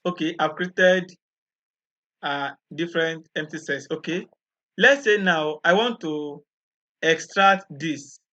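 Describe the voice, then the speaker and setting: Over a dull, lo-fi recording, a man guides viewers through his screen-captured coding lesson in a bright, slightly high voice. As a programming tutor he moves slowly and patiently, often restating points as he covers each step.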